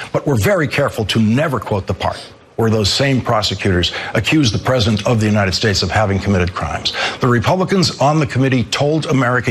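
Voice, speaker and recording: A husky-voiced man in his sixties anchors a news show, delivering a scripted commentary with measured, emphatic pacing and repeated phrases for weight. His pitch sits in an ordinary middle range. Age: 60s. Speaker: news host. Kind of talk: televised commentary monologue.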